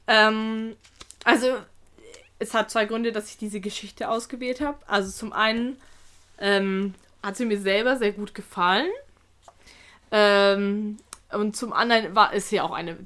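A woman who reads a short story aloud and then chats about it in a relaxed way, with plenty of fillers. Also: medium pitch, moderate pace. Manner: filler-heavy and relaxed when chatting. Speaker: reader. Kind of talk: reading a story aloud, then casual chat.

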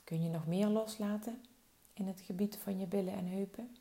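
A woman guiding a slow body-relaxation meditation with soft, soothing instructions. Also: medium pitch, fairly even intonation. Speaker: relaxation guide.

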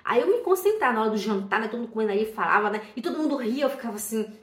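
A Brazilian woman teaching German, talking casually and telling stories with lively quoted asides and frequent "né?" tags. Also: fairly high pitch, very fast. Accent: Brazilian Portuguese. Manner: lively storytelling, quotes herself and others, many "né?" tags. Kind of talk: casual spoken lesson to camera. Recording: echoey room.

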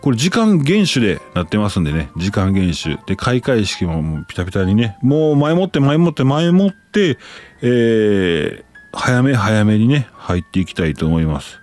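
A man's voice: fairly low pitch, big pitch swings, normal speed, darkish tone, faint music behind. A man with a Kansai accent hosting a casual talk show, reading listener letters aloud and chatting about them with his own asides. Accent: Kansai Japanese. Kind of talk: casual chat.

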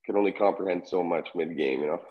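A young man from Canada, heard over a video call, talks in an easygoing way with brief agreeable answers. His voice sits low and the sound is dry. The call audio is dull and lo-fi. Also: fast, husky, no echo. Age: young adult. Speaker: hockey player guest. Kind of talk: casual interview chat.

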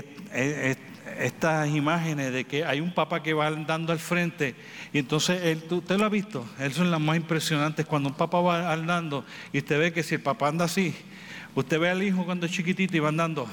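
Dad preaching a sermon, kinda high voice, lots of repeating and asking the crowd stuff, echoey hall w/ a little noise. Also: male voice. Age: adult with children. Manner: preaching with repetition and rhetorical questions, swinging from raised to low. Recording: reverberant hall with faint background noise.

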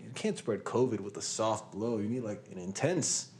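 A man's voice: fairly low pitch, animated, moderate pace, a little mellow, a little hiss or hum. A young man in casual, teasing banter with a friend, full of frat-bro slang.

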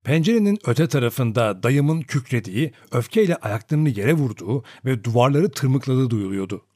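A man reading a novel aloud as narrator, in an expressive, dramatic storytelling manner. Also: medium pitch, normal speed, no echo, clean studio sound. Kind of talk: audiobook narration.

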